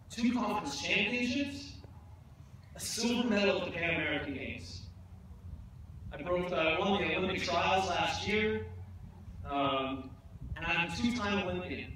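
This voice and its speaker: A man's voice: sits high, fairly bright tone. Young man speaking at a graduation. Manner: earnest, self-deprecating jokes. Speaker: commencement speaker. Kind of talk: graduation speech. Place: outdoor tent stage. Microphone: podium mic, filmed from far off. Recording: echoey PA sound from far off, noisy.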